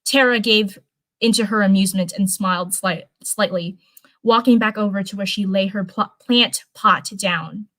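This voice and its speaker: On a live stream, a woman reads fan fiction aloud, stumbling over and repeating phrases and chatting casually between passages. Her medium-pitched voice is fairly bright and moves at a moderate pace.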